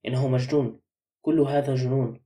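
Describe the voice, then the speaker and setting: A tense, insistent young woman, read by a man. Fast and urgent in a dark, mellow tone. The mic is a little far off. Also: mid-range voice, fairly even intonation, lightly acted. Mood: frantic.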